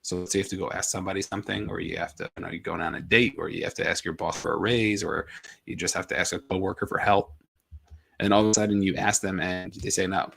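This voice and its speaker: A man's voice: deep voice, steady tone, fast talker, creaky, a bit bright, slightly rough. A man giving a casual motivational talk, rambling a little with restarts and filler words. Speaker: motivational speaker.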